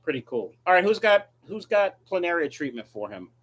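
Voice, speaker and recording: A man's voice: sits high, sing-song, a little fast, fairly bright tone. A man hosting a casual livestream, reading viewer questions and answering them in a blunt, offhand way. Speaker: livestream host, aquarium fish breeder.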